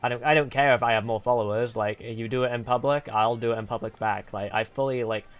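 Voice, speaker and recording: This is a young guy's casual livestream chat, full of "like," false starts, and frustrated venting. He talks quickly in a medium pitch with fairly even intonation, over lo-fi audio and quiet game music.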